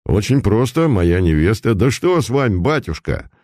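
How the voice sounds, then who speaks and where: A man's voice: fairly low pitch, big pitch swings, moderate pace, no room sound, studio quality. A man voicing a ringing young hussar officer. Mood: bewildered. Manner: loud, ringing, confident. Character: cheerful young male hussar officer, bewildered.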